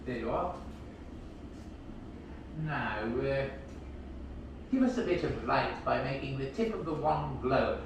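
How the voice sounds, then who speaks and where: A man's voice: mid-range voice, expressive, takes it slowly, pauses often, background noise. Theatrical man in an echoey shop. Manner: theatrical, grandly old-fashioned, exclaiming. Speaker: theme park wand shop performer. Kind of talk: theatrical live show patter. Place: indoor wand shop attraction. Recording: distant, very echoey shop filmed on a phone.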